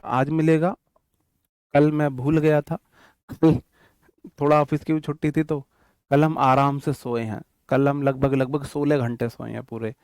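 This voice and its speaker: A man's voice: mid-range voice, creaky, a little mellow, no echo. A young man teaching English grammar in an online class, chatty and direct, counting out examples. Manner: explains in Hindi mixed with English terms, repeats and counts out examples; addresses students directly, casual and chatty. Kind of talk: online exam-prep lecture.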